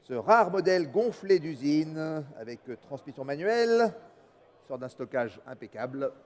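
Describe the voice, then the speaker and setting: A man's voice: on the high side, very animated, moderate pace. A man announcing lots and calling bids formally as an auctioneer in a saleroom. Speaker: French-language co-auctioneer. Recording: reverberant large hall.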